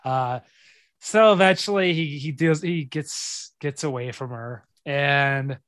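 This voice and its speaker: A man with a slightly higher voice talks through a film plot in easy, casual chat, laughing often and stumbling over repeated words. The sound is dry and close, with no room around it. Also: slow pace, fairly bright tone, dry recording. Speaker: podcast co-host.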